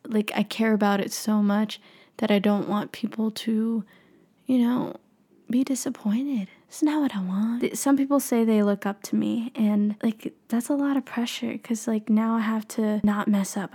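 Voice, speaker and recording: Young woman talking with braces, soft mellow tone. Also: medium pitch. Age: young adult. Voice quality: talking with freshly tightened braces. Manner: candid, self-reflective. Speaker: podcast host. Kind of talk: casual confessional solo podcast talk.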